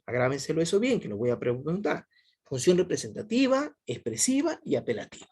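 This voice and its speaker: Lively husky male teacher. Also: on the high side, brisk. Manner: repetitive, checks in with "ok?" often, quizzes students. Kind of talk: online class lecture.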